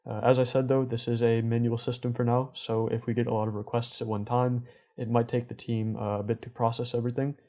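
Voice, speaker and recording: Dark-voiced man hosting a project update. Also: medium pitch, level tone, fairly quick. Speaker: host of community update show.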